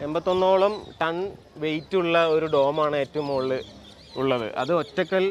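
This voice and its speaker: Malayali guy vlogging a temple walk outdoors, kinda high voice, explains stuff chatty. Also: moderate pace, lo-fi sound, slight background noise. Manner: explanatory, conversational with restarts. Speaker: travel vlogger. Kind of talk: walking tour commentary.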